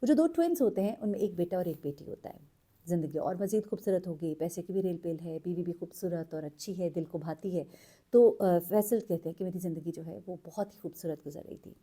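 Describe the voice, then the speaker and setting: A woman narrating a true story in an earnest, unhurried way, pausing with fillers as she goes. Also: lowish voice, warm tone, slightly rough. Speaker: storyteller host.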